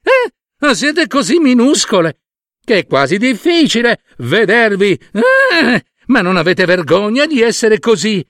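A man voicing a huge, arrogant elephant in a storybook tale, booming and mocking. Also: sing-song, no room sound, clean studio sound, exaggerated voice. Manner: loud, booming, slow, swaggering.

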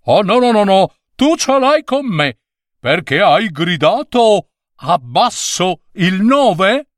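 A man's voice: high voice, very animated, slow pace, dry recording, clean studio sound, voice pushed up, heavily acted. A man voicing an indignant, touchy number nine who protests and scolds in an offended tone.

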